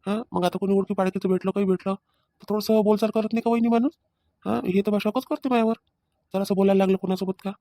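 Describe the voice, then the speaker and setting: Someone voicing a fast-talking, remorseful cartoon husband. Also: medium pitch, fairly even intonation, warm tone, no room sound, studio quality, natural voice. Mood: defensive. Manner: pleading, defensive. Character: remorseful young husband pleading forgiveness. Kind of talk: cartoon family drama voice acting.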